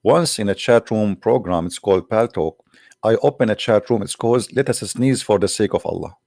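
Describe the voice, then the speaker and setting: A man's voice: on the low side, a little fast, vocal fry, a little mellow, dry recording, clean studio sound. A man hosting a livestream, talking in a sarcastic, mocking way. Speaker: online show host. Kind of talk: livestream commentary.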